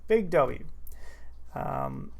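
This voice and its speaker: A man's voice: medium pitch, animated, drawn-out words, creaky, a loud crowd. A man hosting a casual live-stream show, loose and joking, swearing freely.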